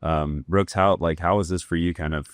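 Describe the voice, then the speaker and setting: A man with an extremely low voice hosts a relaxed round-table conversation. He rambles and circles back, leaning on filler words. The sound is dry and close. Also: moderate pace, no room sound. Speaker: podcast host. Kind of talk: casual round-table chat. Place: fishing lodge.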